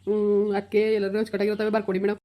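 A woman acting as a poor village father, anxious and blunt, begging the doctor and snapping at his wife. The words pour out very fast in a flat, dark tone, with hardly any rise and fall, in this homemade skit. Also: medium pitch, natural voice. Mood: worried. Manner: rapid pleading to the doctor, gruff with wife.

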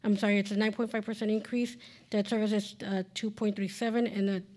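A school district finance officer in her forties reads budget figures into a podium microphone at a board hearing in a large indoor council chamber. She speaks fast and flatly in a mid-range, darkish voice, with many fillers and self-corrections.

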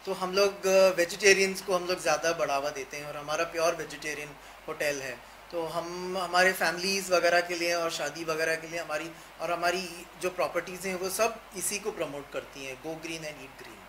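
Hesitant hotel manager, noisy room. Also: male voice, fairly high pitch, fairly even intonation, normal speed, few pauses, fairly bright tone. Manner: hesitant, many fillers. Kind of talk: interview answers. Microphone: handheld reporter mic.

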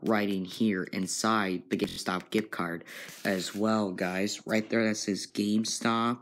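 A young vlogger films a casual clip on his handheld phone camera in his bedroom at home, his fairly low voice steady in tone and a bit bright. He speaks very slowly and repetitively, returning to the same points over and over and repeatedly addressing his viewers as "guys." The audio is plain phone sound with slight background noise.

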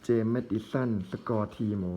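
A man's voice: brisk, mellow, lo-fi sound, slight background noise. A man casually commenting while opening trading card packs, reading out player names in short bursts with chatty asides.

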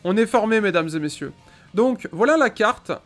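A young man gives casual, slangy game commentary from a small room. His voice is very high for a man and swings in lively exclamations to his viewers. Music plays behind him. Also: moderate pace. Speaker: gaming video host. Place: small indoor gaming room.

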